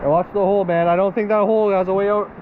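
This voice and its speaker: A man's voice: high-pitched, fairly even intonation, phone-quality sound. A man chatting casually and profanely as he vlogs an outdoor adventure, full of exclamations. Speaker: vlogger. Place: outdoors at a rocky river and cave. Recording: loud rushing water noise, outdoor handheld recording. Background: loud rushing water.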